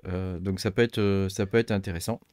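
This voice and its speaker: A man, middle-aged, hosting a casual tech tutorial, thinking aloud and filling pauses with many hesitations. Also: deep voice, fairly even intonation, darkish tone, dry recording, studio quality. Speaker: tech channel host. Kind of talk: casual screen-recorded tutorial.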